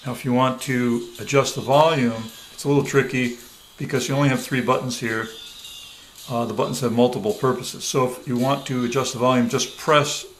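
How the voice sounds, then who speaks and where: A product reviewer gives a hands-on tutorial, walking through each step in a steady, medium-pitched male voice. He speaks haltingly, pausing mid-sentence as he demonstrates, and the recording carries clear background noise and room ambience.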